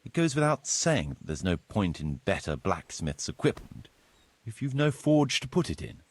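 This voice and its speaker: The character is a medieval village steward in a video game, courteous and businesslike, voiced by a male actor who explains duties in a measured, formal way. His lowish, slightly husky voice has a sing-song lilt and an explanatory tone.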